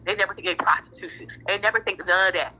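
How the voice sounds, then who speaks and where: A middle-aged woman, a parent in a heated casual phone discussion, speaks fast with a medium-pitched, sharp voice that has a breathy edge. The muffled telephone audio carries her blunt, emphatic, repetitive talk laced with profanity.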